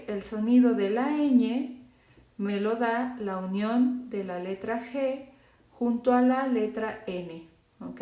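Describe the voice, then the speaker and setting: Female language teacher, dark and mellow tone, unhurried delivery, echoey room. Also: mid-range voice. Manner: slow, careful, repeats example words. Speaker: Italian teacher. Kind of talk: phonetics lesson for Spanish speakers.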